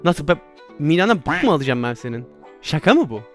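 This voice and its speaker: A young-sounding VR gameplay streamer with a high, very lively voice chatters casually through a VR game, as if talking to friends. Excitable, he exclaims quickly and laughs at his own mishaps as things go wrong, with faint game music under his voice.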